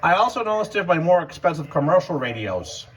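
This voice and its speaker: Here the same kind of speaker, an emergency medical worker with a radio hobby, walks through his equipment at home, rambling and unsure as he goes. His voice is fairly high, very animated and fairly quick. The home recording is low quality, with faint background noise.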